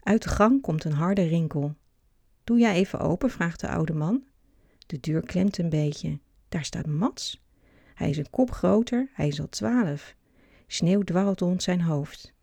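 Storybook narrator, calm, steady reading, gravelly, dry close sound. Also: medium pitch, slow, no room sound.

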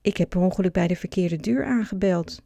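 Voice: mid-range voice, brisk, gravelly, mellow, dry recording, close to an everyday voice. The narrator voicing Adam, a shy young boy who stammers, in a storybook. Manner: timid, stammering.

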